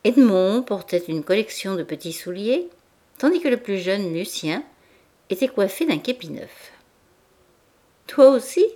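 A woman narrating a classic novel as an audiobook in a measured, even literary reading. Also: medium pitch. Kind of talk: scripted narration.

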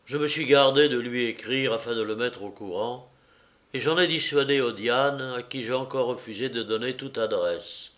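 A man reading a novel aloud as an audiobook narrator, in a measured, deliberate manner. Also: medium pitch, fairly bright tone.

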